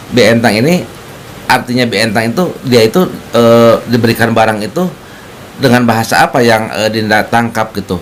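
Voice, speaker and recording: A man with a fairly low voice who asks his guest questions in a polite, inquisitive way, often adding small apologies. A faint noise runs behind him. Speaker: host interviewer. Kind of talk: conversational interview questions.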